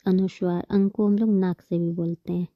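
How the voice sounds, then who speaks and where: A woman's voice: lowish voice, flat delivery, moderate pace, dry recording, muffled recording. Woman teaching grammar, patient and dry-sounding. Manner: patient, repeats terms and counts examples aloud. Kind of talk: explanatory online lesson.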